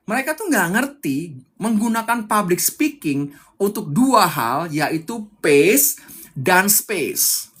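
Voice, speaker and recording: A man's voice: high voice, a bit bright. A young man coaching public speaking on a live stream, fiery and emphatic, repeating his key points.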